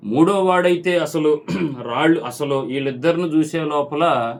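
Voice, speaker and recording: A man's voice: on the high side, unhurried. A priest giving a sermon, preaching emphatically, calling out to his congregation and asking rhetorical questions. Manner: tells a parable to make his point.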